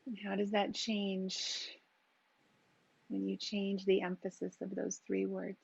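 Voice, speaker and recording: A woman teaching a yoga class, giving calm and gentle cues for breath and posture with long pauses. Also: medium pitch, creaky, slightly rough, no room sound, dull audio. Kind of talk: guided yoga and meditation instruction.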